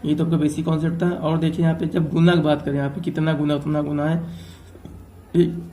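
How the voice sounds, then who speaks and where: A man gives an exam-prep math lesson in a slightly high, flat voice with a mellow, dark color. Speaking a little fast, he works through each step and keeps checking in with his students by saying "ठीक है". There's a little hiss or hum in the recording.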